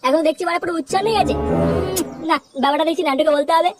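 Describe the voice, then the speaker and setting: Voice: extremely high pitch, fast. A performer voicing a nosy, preachy neighbour man who tells tales about a boy. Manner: gossiping, preachy advice. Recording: loud background music.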